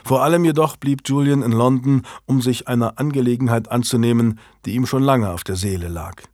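A man narrating a historical novel in a steady, measured, scripted reading. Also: medium pitch, no room sound, clean studio sound. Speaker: audiobook narrator.

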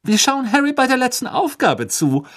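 A fussing, motherly middle-aged woman, voiced by a male narrator. The voice sits far above his natural register, with animated swings in pitch and lively, indignant energy. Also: normal speed. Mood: cheerful.

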